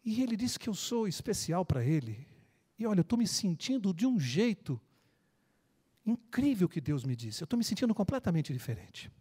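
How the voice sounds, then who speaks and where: A preacher in a sermon story voicing a lonely, elderly man who speaks softly and confidingly. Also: mid-range voice, sing-song, moderate pace, husky, long reverb tail. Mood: moved. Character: lonely old man, gentle and moved.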